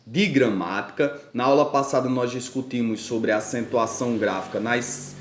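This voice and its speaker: A man's voice: mid-range voice, reverberant. A man with a Brazilian Portuguese accent teaching a grammar lesson to schoolchildren, patiently drawing out and stressing syllables in his examples.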